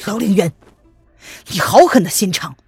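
A woman's voice: medium pitch, expressive, moderate pace, darkish tone, slightly rough, faint music behind. A woman reading the lines of a cold, furious young emperor in a storybook drama, with a harsh, clipped delivery. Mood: angry.

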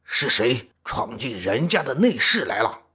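A man's voice: mid-range voice, very animated, measured pace, pushed and bright, breathy edge, exaggerated voice. A man voicing a stern old male fox-spirit patriarch in a storybook reading, speaking in a grave, formal, courteous way.

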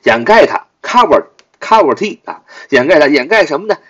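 A man's voice: on the high side, sing-song, moderate pace, a bit bright, husky. A man teaching English vocabulary, repeating each word three times and spelling it out letter by letter, then explaining it with emphatic questions. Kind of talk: vocabulary lesson. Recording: dull lo-fi recording.

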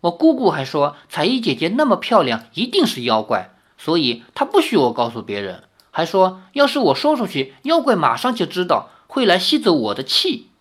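A woman voicing a timid, tearful little boy who speaks in a high, childish, pleading way in a storybook reading. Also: huge pitch swings, moderate pace, few pauses, slightly rough, full character voice. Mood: eager, secretive.

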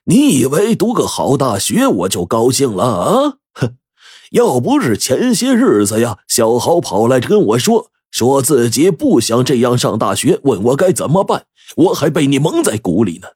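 Brief: a man playing a stern old grandpa, scolding, lively swoops. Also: mid-range voice, unhurried, slightly rough, dry recording, clean studio sound, full character voice. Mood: reproachful. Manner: scolding, grunting "hmph". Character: stern old male grandfather, company patriarch.

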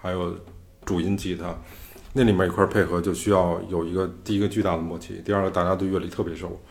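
A man's voice: sits low, flat delivery, fast talker. A man hosting a podcast, explaining music theory in loose, casual talk. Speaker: podcast host. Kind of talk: casual chat.

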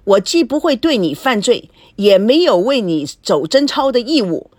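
A woman's voice: on the high side, big pitch swings, normal speed, darkish tone, no room sound, clean studio sound. A woman voicing a smug teasing young man. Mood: exasperated. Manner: teasing, mocking.

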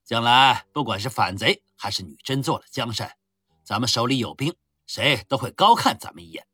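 A man voicing a boastful, hard-drinking Ming army general who talks loudly and scornfully. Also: medium pitch, animated, moderate pace, husky, no echo, studio quality. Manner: loud, swaggering, scornful.

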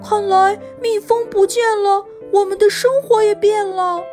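A woman's voice: extremely high pitch, fairly even intonation, unhurried, darkish tone, soft background music, pitched above the performer's own voice. A woman voicing a curious young boy, an earnest older brother, with childlike delivery in a children's storybook.

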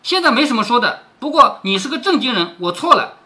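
A man's voice: extremely high pitch, sing-song, quick pace, pushed and bright, pitched above the performer's own voice, heavily acted. A man voicing a bullying young nobleman who has been beaten and now begs for mercy in a whining, pleading voice.

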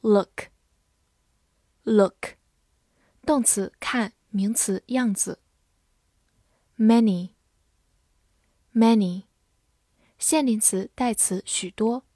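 A woman reads out a vocabulary drill at a very slow, deliberate pace. She says each word twice in a measured way, then gives its meanings. The recording is dry and close, with no room sound. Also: mid-range voice, dark tone, no echo. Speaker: English vocabulary teacher.

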